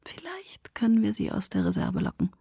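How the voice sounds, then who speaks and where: A woman voicing a grim young male vampire soldier in a hushed, breathy whisper, brooding and slow, in an audiobook reading. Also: medium pitch, huge pitch swings, no echo, clean studio sound, heavily acted. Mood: grave.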